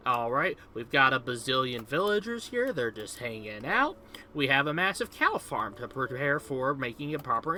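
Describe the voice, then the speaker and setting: A young man chats casually over his gameplay, rambling and upbeat with plenty of fillers. His voice is bright and lively, swinging up and down in pitch. A faint hiss of ambient noise sits underneath. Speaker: gaming video host.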